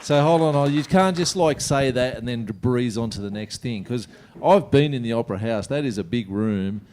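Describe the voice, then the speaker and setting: A man's voice: mid-range voice, moderate pace, darkish tone, slight background noise. A man with an Australian accent hosting a casual chat show in a rambling, informal way, often interrupting himself. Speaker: host.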